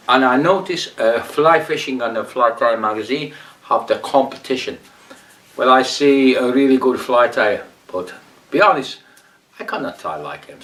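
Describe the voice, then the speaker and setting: Recorded from a distance, a man with a mid-range, fairly bright, natural voice demonstrates fly tying. In this comic tutorial he plays a rambling Brazilian amateur fly tier, using a put-on Brazilian accent, broken English and muttered, whispered asides.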